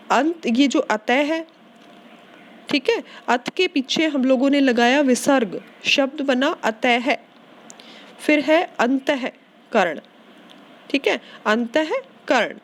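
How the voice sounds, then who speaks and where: Woman teacher, fairly high voice, slow and patient classroom explaining. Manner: slow, patient, repeats and checks with "ठीक है". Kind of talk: classroom grammar lesson.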